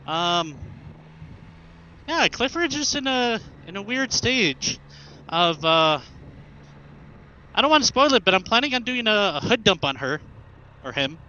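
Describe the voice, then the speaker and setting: Riding along, this new rider from Arkansas talks loosely for his vlog in a high, sharp voice with big swings in pitch, keeping a measured pace and pausing often. A helmet headset mic runs into an action camera, leaving him muffled under engine and road noise.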